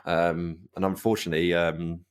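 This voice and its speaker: A man's voice: sits low, flat delivery, normal speed, clean tone. A man co-hosting a football fan podcast in casual chat, rambling through asides and laughing often. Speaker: podcast co-host.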